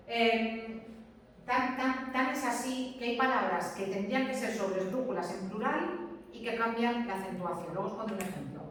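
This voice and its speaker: Spanish teacher lecturing in an echoey classroom. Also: female voice, a little high, far from the mic, slight background noise. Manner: explains step by step, repeats points, asks the class questions. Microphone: distant camera mic.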